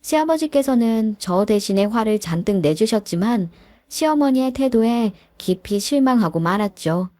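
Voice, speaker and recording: A woman's voice: on the high side, animated, normal speed, mellow, no echo. A woman narrating a first-person story with an indignant, gossipy tone.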